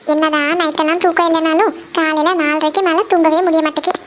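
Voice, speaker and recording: A woman's voice: very high-pitched, little pitch movement, quick pace. A woman voicing an anxious, caring middle-aged mother in a family cartoon, who talks in a worried way, thinking aloud. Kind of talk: cartoon voice acting.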